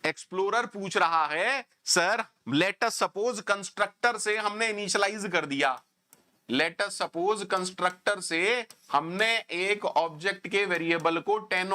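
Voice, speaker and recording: Teacher, male, bright and clear, sarcastic, scolding lecturer. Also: sits high. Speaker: programming teacher. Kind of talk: online coding lecture.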